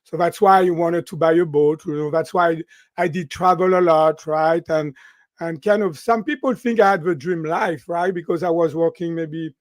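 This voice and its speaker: A man in his sixties from France, speaking with a French accent, appears as a guest in an interview conversation. He talks animatedly at a moderate pace in a voice that's a little high, often ending sentences with "right?", and the recording is dry.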